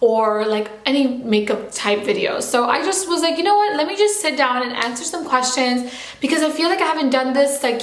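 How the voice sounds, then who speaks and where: A woman in her twenties talks through a casual Q&A vlog from her apartment, breezy and quick with lots of filler words. Her voice sits a little high, and the room around her rings with echo. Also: a bit bright. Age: 20s. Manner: chatty, fast, lots of "like" fillers. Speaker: beauty vlogger.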